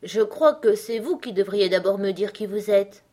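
A woman's voice: on the high side, normal speed, pitched above the performer's own voice, lightly acted. A woman voicing a timid, polite young girl who talks hesitantly in an audiobook. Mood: earnest. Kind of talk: audiobook character reading.

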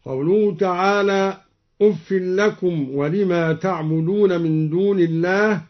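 A man explains Quran reading variants in a measured, deliberate manner, breaking into chanted verses as examples. His voice sits high and he takes his time over every word. The sound is dull and lo-fi, like an old radio archive. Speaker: Quran recitation teacher.

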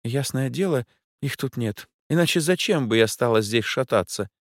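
A man's voice: animated, dry recording, clean studio sound, close to an everyday voice. A man voicing a haughty, nervy rich woman client who talks imperiously and panics easily. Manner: shrill, imperious, quick to panic.

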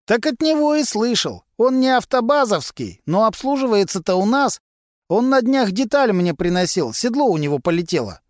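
A man's voice: high voice, very animated, normal speed, no echo, clean studio sound, voice pushed up. Vasily, a man doing a brash slangy mechanic. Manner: mocking, brash, full of criminal slang. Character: cocky male mechanic with thieves' slang.

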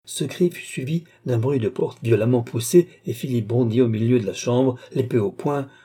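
Male audiobook narrator, mellow and husky, measured classic-novel reading. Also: medium pitch.

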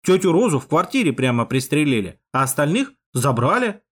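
A man's voice: on the high side, sing-song, brisk, slightly rough. A man voicing a flustered young male messenger who speaks breathlessly and urgently. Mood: alarmed. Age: young adult.

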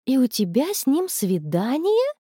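A woman's voice: high voice, wildly swooping pitch, a little slow, mellow, husky, dry recording, studio quality, pitched above the performer's own voice, heavily acted. A woman voicing a curious, impatient young schoolgirl with an eager, pressing manner.

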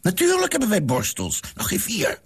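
Hoarse, fussy old manservant, small and hobbling, voice pushed up high, played by a male reader. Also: huge pitch swings, moderate pace, exaggerated voice. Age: older.

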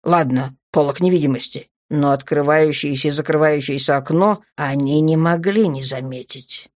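A woman voicing a stern male dark lord who barks curt orders, in an audiobook. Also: low voice, normal speed, lightly acted. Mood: gruff.

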